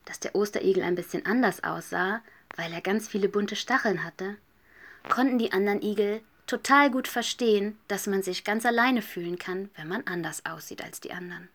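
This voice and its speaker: A woman reading a children's story aloud, gentle and soft, often dropping to a whisper. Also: mid-range voice, normal speed.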